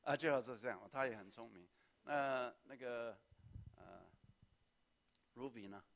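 A man preaching a sermon as pastor, lively and often calling on the congregation to answer, with English words mixed in. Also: medium pitch, a little slow, gravelly.

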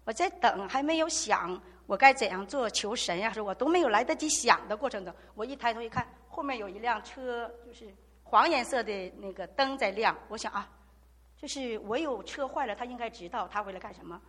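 A woman's voice: on the high side, expressive, brisk, fairly bright tone. A woman giving an earnest personal testimony at a church gathering, retelling a story with quoted dialogue. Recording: long hall reverb.

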